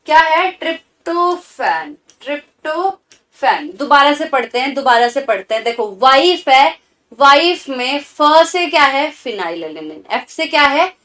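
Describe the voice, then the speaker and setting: Brief: high-pitched female teacher, call-and-response drill, urging, encouraging. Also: sing-song, unhurried, a bit bright. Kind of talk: exam-prep lecture with drill.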